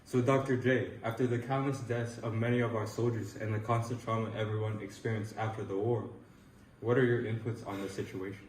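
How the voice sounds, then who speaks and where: A man's voice: on the low side, flat delivery, a little fast, a little mellow, close to an everyday voice. A man playing an earnest, patriotic 1940s field reporter in a scripted news interview. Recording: echoey room with faint noise.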